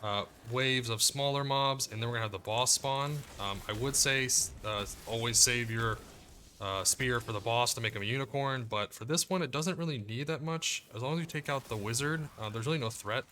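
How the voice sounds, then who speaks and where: A man giving casual commentary as he plays through a video game guide, relaxed and explaining as he goes. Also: mid-range voice, brisk, slight background noise. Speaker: gaming guide creator. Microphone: desk mic, muted to cough.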